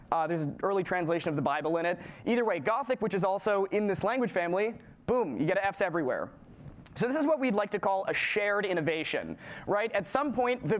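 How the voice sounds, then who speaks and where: High-voiced young man lecturing a class. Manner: energetic, casual, keeps asking "right?" and quizzing the audience. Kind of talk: live classroom lecture on historical linguistics. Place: lecture room with an audience.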